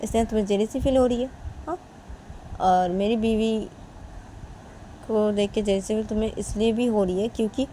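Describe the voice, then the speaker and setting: A woman's voice: a little high, dark tone, slight background noise, natural voice. A woman voicing a smug married young woman who taunts the other and keeps asking "haan?". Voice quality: taunting, ends lines with "haan?".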